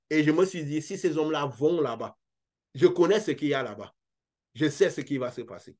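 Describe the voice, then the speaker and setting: A man's voice: a little high, darkish tone. Earnest French-speaking male preacher. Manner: earnest, repetitive, rising and falling emphasis. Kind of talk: sermon.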